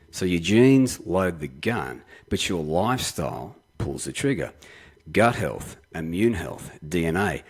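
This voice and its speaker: Brief: male expert guest, husky, calm and explanatory. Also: sits low. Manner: confident, explanatory. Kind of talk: interview explanation.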